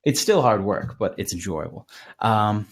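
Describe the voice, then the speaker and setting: A man presenting a live webinar, talking casually with many fillers and restarts, his voice a little hoarse. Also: on the low side, lively intonation, unhurried. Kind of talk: live webinar sales pitch.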